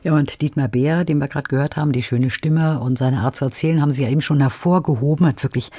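A man hosting a radio segment, giving brisk, informative details and asking questions. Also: medium pitch, fairly even intonation, dark tone, no echo. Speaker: radio host. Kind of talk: radio interview.

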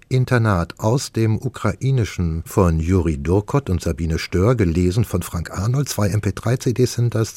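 Smooth, low radio book-show presenter. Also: male voice, darkish tone, no echo. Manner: polished, informative announcing. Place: radio studio.

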